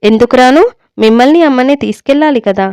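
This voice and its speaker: A woman voicing a busy young adult son living abroad in a read-aloud story, talking in a hurried, evasive way. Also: high voice, a little mellow, clean tone, no room sound. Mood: polite. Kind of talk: storybook reading.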